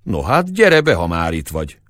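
A man's voice: deep voice, huge pitch swings, a bit bright, no room sound, clean studio sound, heavily acted. A man voicing a hostile, proud old shepherd who speaks suspiciously and tauntingly.

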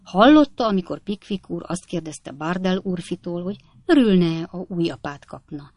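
Lower-voiced woman reading an audiobook. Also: no room sound. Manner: lively, expressive storytelling. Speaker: narrator. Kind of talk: audiobook reading of a classic novel.

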